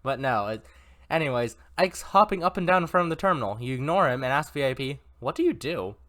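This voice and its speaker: A man's voice: mid-range voice, animated, fast, a bit bright. Chatty man reading an interactive novel. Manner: chatty, self-correcting, laughs at own mistakes. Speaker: story reader and commentator.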